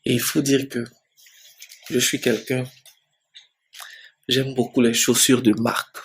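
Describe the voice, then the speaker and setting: A man telling his personal faith testimony slowly, repeating phrases and often dropping to a soft, near-whispered voice. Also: medium pitch, little pitch movement, a little hiss or hum. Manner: slow storytelling with many repetitions. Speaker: church member giving a testimony.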